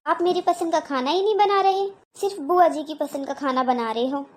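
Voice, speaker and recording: A woman's voice: high-pitched, fairly quick, lightly acted. Woman voicing a whiny demanding young woman. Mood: complaining. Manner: whiny, complaining. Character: petulant young married woman, demanding and sulky. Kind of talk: cartoon voice acting.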